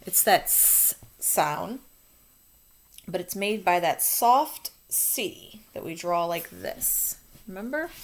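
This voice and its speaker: A female teacher records a phonics lesson for young children, stretching out letter sounds in a sing-song, medium-pitched teacher voice.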